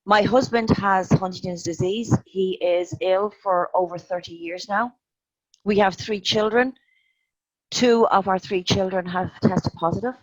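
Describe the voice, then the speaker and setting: Woman from Ireland, panelist, steady and composed, slightly muffled video call audio. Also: medium pitch, unhurried. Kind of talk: webinar self-introduction.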